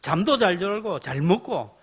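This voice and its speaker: A man's voice: high-pitched, big pitch swings, a little slow, husky, exaggerated voice. A male pastor voicing a businessman who has lost everything and pleads in despair, on a dull lo-fi recording. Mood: indignant. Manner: pleading, then protesting. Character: despairing ruined businessman, later indignant. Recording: dull lo-fi sound.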